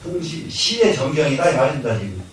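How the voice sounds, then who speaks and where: Older monk lecturing in an echoey hall. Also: male voice, fairly high pitch, lively intonation, a little fast, slight background noise. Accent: Jeolla Korean. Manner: explains by repeating lines, asks and answers himself, chuckles. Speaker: Buddhist monk lecturing on classics. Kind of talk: classroom lecture. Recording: echoey hall, mic from far off.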